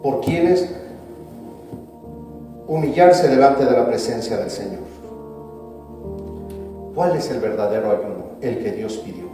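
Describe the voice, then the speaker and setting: A man preaching a sermon as pastor, with emphatic rises and drawn-out stressed words. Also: mid-range voice. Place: church sanctuary. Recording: echoey church hall, voice from a distance.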